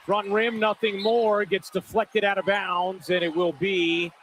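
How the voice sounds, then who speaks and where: A man calling a televised basketball game from courtside as play-by-play commentator, brisk and measured. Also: high-pitched, flat delivery, fairly bright tone, a little hiss or hum. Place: courtside at an arena.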